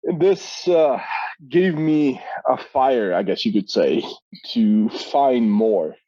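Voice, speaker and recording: A man's voice: mid-range voice, slow, dark tone, slightly rough, dry recording. A man speaking as a podcast guest, sharing a personal testimony in a hesitant way, with many fillers and restarts. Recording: dull lo-fi sound.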